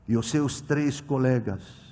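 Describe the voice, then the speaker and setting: In an echoey hall, a man preaches in Portuguese, which is not his native language, at a children's ministry conference. His mid-range voice moves between loud exclamations and quiet asides, and his delivery is halting as he repeats and corrects words mid-phrase.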